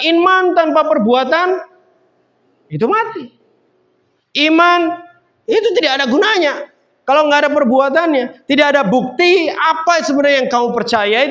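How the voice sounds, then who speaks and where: High-voiced man preaching a casual sermon. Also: lively intonation, fairly quick, a bit bright. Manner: casual, conversational preaching with rising emphasis. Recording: dull lo-fi sound.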